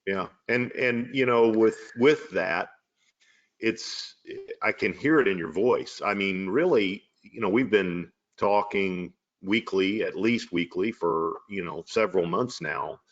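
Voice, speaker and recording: Deep-voiced host, dull lo-fi audio. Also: male voice, slow pace. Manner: warm, affirming, rambling with fillers. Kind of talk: casual chat.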